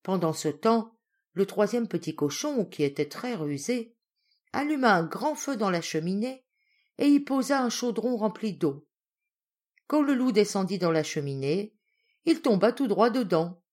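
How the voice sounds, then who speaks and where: A woman narrating a traditional fairy tale as an audiobook reader, in an expressive storytelling way. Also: medium pitch, unhurried. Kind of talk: storybook reading.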